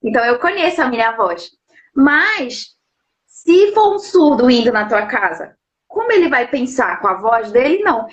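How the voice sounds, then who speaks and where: Speaking at a moderate pace in a muffled recording, a woman with a voice on the high side sounds very animated. She's a sign language interpreter and lawyer giving patient explanations in a live interview from home, often slipping in little tag questions.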